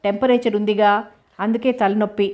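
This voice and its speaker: A sick, stubborn young man, as a woman narrator puts him on, petulant and demanding from his sickbed. The delivery is flat and even, read from a storybook. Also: mid-range voice, brisk, natural voice.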